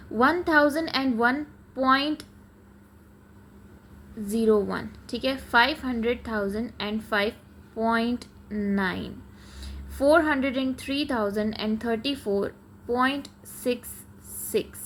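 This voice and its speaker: A woman's voice: on the high side, slow pace, a bit bright, slight background noise. A woman math teacher, explaining a lesson step by step in a patient classroom manner, mixing English terms in. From Pakistan.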